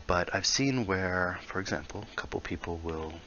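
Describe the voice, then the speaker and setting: This man's expressive voice sits low and moves at a moderate pace as he casually explains building in a VR game, thinking aloud and muttering small asides along the way. He creates VR building tutorials, and the lo-fi recording has a noisy background.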